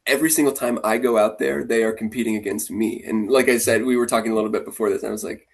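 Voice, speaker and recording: A man who teaches martial arts, chatting casually and telling animated stories, often acting out what his students say. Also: fairly low pitch, quick pace, gravelly, breathy edge. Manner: animated, acts out the kids' voices. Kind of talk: casual storytelling conversation.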